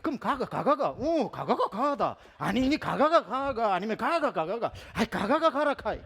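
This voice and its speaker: A man voicing a group of middle-aged countrywomen, aunts from the provinces, who chatter loudly in thick Gyeongsang dialect. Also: very high voice, big pitch swings, gravelly, slightly rough, pitched above the performer's own voice, full character voice. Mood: bickering. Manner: rapid, loud, overlapping village chatter.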